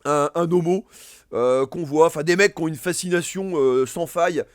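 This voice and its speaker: A man's voice: fairly high pitch, moderate pace, no room sound, studio quality. A man casually reviewing films and series, rambling with many fillers and restarts. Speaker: film reviewer. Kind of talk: casual film review monologue.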